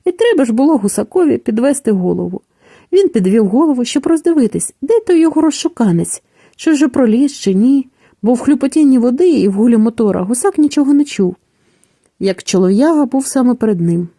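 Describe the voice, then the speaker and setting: A woman narrating a children's story in a calm, measured storytelling manner. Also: fairly high pitch, dry recording, studio quality. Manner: calm, measured storytelling with falling phrase endings.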